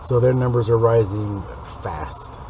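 A video host in his late forties, with a raspy smoker's voice of medium pitch, gives viewers a casual, rambling update, taking it slowly. He talks informally into a webcam or laptop mic at desk distance in an unfinished basement room. The recording is noisy, with a background hum.

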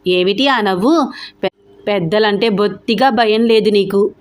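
A woman's voice: medium pitch, a little slow, natural voice. A woman voicing a toothless, quarrelsome old mother-in-law who scolds and grumbles. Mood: scolding.

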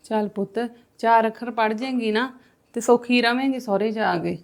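A woman playing a mother who tries to calm her son-in-law, then scolds her daughter with emotion. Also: on the high side, moderate pace, creaky. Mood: gentle. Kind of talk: amateur family drama acting.

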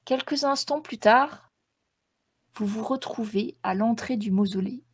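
A woman's voice: fairly high pitch, unhurried, slightly rough. A woman game master narrating a tabletop role-playing game in a descriptive storytelling manner.

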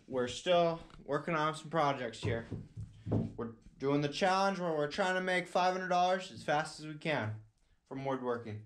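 Young man, casual woodworking vlog, laid-back talk, action camera up close, slow delivery. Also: on the high side, a little hiss or hum. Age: young adult. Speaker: woodworking channel host. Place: wood workshop, then snowy yard outdoors.

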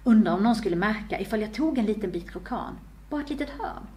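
A woman's voice: medium pitch, lively intonation, darkish tone, natural voice. Hungry kitchen boy muttering, as a woman reads him. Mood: musing. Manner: muttering to himself.

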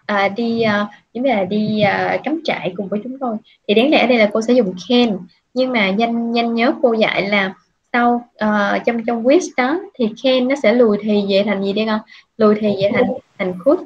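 A husky, slightly high-pitched woman who teaches English and comes from Vietnam patiently quizzes students in an online class held over a video call. She stretches her prompts out, heard through dull lo-fi audio.

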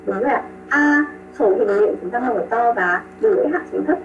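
A woman teaching pronunciation online over a video call. She models sounds slowly, repeats them and praises her students. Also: medium pitch, recorded from a distance. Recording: tinny call audio with music behind.

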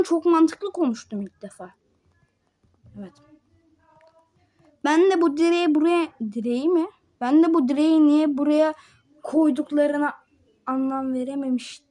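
A woman's voice: high-pitched, darkish tone. A woman giving gameplay commentary to her viewers, switching between muttered asides and frustrated outbursts. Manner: talks straight to viewers as friends. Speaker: gamer.

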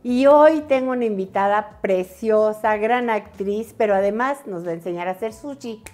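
A woman's voice: medium pitch, normal speed, a little mellow. A woman hosting a show, introducing her guest in an enthusiastic, chatty way. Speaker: host. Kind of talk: casual chat.

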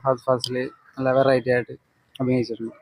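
Malayali guy, fast casual movie opinion with english words thrown in, loud music under him. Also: medium pitch, level tone, poor audio. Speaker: moviegoer being interviewed. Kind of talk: casual film reaction.

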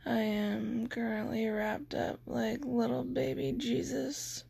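Woman vlogger, hoarse and breathy, drawn-out whispered delivery, video diary. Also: a little high, little pitch movement, warm tone. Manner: mostly whispering, slow and tired. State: hoarse, scratchy throat. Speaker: vlogger recovering from surgery.

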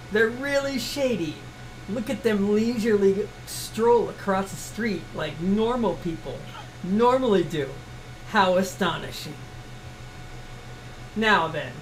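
A woman's voice: medium pitch, a little hiss or hum, close to an everyday voice, rough recording. A woman voicing a spunky, sarcastic young woman ex-gang bounty hunter in an amateur comic read-through. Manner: brash, sarcastic, slangy.

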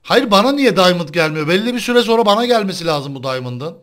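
A young man chatting casually while playing a game, excitable and quick to complain to his viewers. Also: high voice. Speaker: gaming channel host. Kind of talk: casual gameplay chat.

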